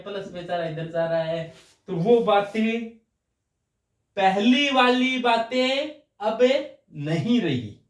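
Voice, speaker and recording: A man's voice: high-pitched, distant mic. A man teaching a chemistry class, explaining step by step and answering his own questions. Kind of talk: classroom lecture. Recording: roomy echo, voice from off mic.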